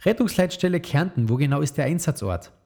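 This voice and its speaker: A man doing a friendly female dispatcher, raised pitch. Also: moderate pace, a little mellow. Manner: friendly, businesslike questions.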